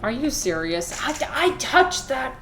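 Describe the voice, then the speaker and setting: A woman's voice: sits high, very animated, unhurried, vocal fry, a bit bright, slight background noise. A woman in her twenties chatting casually with her viewers while she plays a game, rambling, swearing freely and answering chat comments. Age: 20s. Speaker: live streamer playing a video game.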